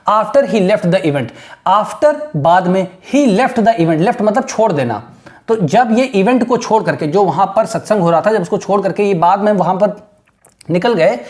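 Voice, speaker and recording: A man teaching, who explains English newspaper phrases in Hindi, asks questions and answers them himself, and reads the English words slowly with frequent check-ins. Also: high voice, a little mellow.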